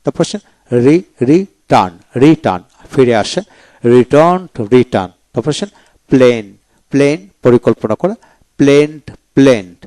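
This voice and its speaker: Male teacher with a Bangladeshi accent, patient word-by-word drill, average pitch, dry booth sound. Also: animated, normal speed, dark tone, no room sound. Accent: Bangladeshi Bengali. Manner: repeats each word several times, then gives its meaning. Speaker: English grammar teacher. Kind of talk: slow word-by-word vocabulary drill.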